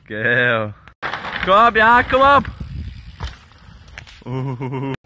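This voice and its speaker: A young man filming mountain bikers at an outdoor bike park, loudly cheering them on and chatting casually. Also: medium pitch, sing-song, very slow, slight background noise. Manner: loud cheering, egging riders on.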